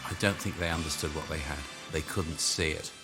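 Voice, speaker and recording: A man's voice: extremely low pitch, steady tone, a little fast, loud music behind the voice. A man interviewed for a documentary, emphatic, with many fillers. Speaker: commentator.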